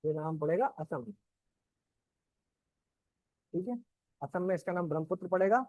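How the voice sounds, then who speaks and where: Speaking with an Indian Hindi accent, a male teacher delivers a classroom geography lecture, explaining things step by step, checking in with students and asking them questions. His voice sits high at a normal pace. The recording is dry, dull and lo-fi, with no room sound.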